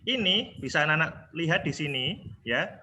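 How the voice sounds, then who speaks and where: A man's voice: fairly high pitch, very animated, a little fast, pushed and bright. A male primary school teacher teaching an online class over a laptop video call, patiently coaxing answers and singing the scale notes. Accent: Indonesian.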